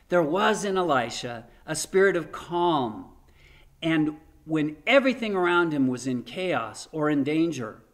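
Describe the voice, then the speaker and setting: A man's voice: fairly high pitch, a bit bright. An older man giving a sermon from home into a webcam, retelling a scripture story with earnest emphasis. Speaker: pastor. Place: home room in front of a framed painting.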